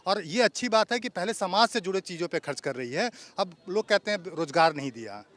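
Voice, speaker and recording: A man's voice: high-pitched, animated, fairly quick, fairly bright tone. A working man giving his opinion in a street interview, explaining his points step by step with examples. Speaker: interviewee, salaried employee. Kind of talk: conversational opinion.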